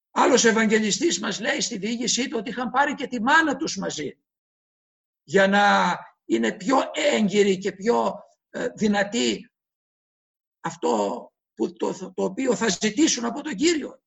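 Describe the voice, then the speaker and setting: A male preacher delivers an impassioned sermon, acting out the voices he quotes. His voice sits unusually high for a man, with a gravelly, fry-laden edge. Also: lively intonation, fairly bright tone.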